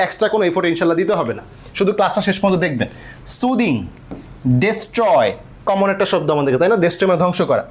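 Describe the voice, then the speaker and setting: In an online English vocabulary class, a high-pitched man explains words patiently and keeps checking that his students are following along.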